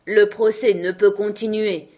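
A woman voicing a pompous old king in a storybook reading, solemn and blustering, a little higher and louder than her own voice. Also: animated, moderate pace. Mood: grave, pompous.

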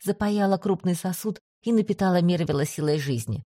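A woman narrating a first-person story in a steady, even audiobook reading. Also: fairly low pitch, a little fast, no echo, studio quality.

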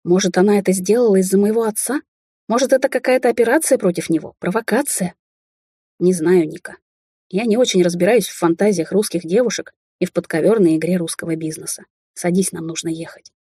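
A proud young heir from a wealthy Chinese family, quick to flare up, voiced by a woman reading a novel aloud. The tone is dark and mellow with a husky edge, recorded close and dry, with no room sound. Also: on the low side, no room sound. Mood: worried. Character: young Chinese man, rich heir, hot-tempered.

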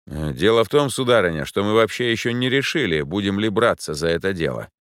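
A man voicing a calm, courteous older professor who speaks in a measured, slightly lofty way. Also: lowish voice, no room sound, studio quality. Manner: measured, polite, faintly lofty.

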